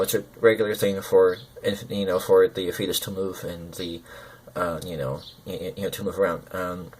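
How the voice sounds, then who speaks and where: Low-voiced man with numb-lipped, slurred speech. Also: darkish tone, poor audio. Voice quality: slurred lip consonants from immobile lips, as if numb from the dentist. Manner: hesitant, halting, searching for words. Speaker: gaming video creator. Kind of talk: personal talk to camera.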